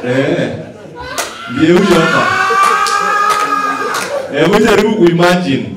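A man's voice: on the high side, expressive, measured pace, very noisy. A man with a Kenyan accent trading comic banter on a roast panel, speaking into a handheld mic. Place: small indoor bar stage. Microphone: handheld microphone. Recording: echoey venue, distant mic, crowd laughter.

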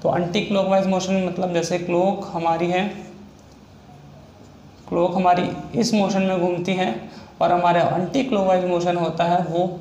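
A man's voice: sits high, flat delivery, moderate pace, a little mellow. A man teaching a shorthand lesson, explaining each step over and over. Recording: echoey room with faint noise.

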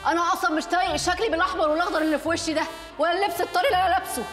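A gruff, threatening club president in a young wife's body snaps out lines in a high, fast Egyptian voice. Faint music sits behind her. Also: fairly even intonation, a bit bright. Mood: gruff threats. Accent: Egyptian Arabic. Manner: rough and threatening.

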